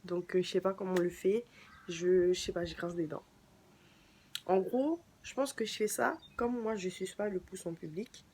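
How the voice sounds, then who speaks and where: A woman's voice: moderate pace, darkish tone, slight background noise. Playful young woman, chatty vlog. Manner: chatty and playful, with sudden jumps in pitch. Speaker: vlogger. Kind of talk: casual talk to camera.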